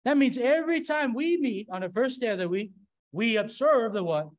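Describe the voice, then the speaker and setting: A middle-aged man leads a Bible study from a lectern in a church room, delivering a classroom-style sermon built around fill-in-the-blank slides. He speaks conversationally at a moderate pace, with an extremely high pitch and lively intonation, often checking in with "right?" and posing rhetorical questions.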